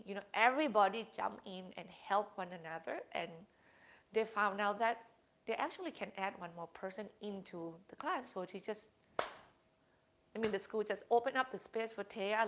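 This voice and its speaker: A woman yoga teacher speaking earnestly in slightly non-native English, drawing out words for emphasis as she talks and guides breathing. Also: medium pitch.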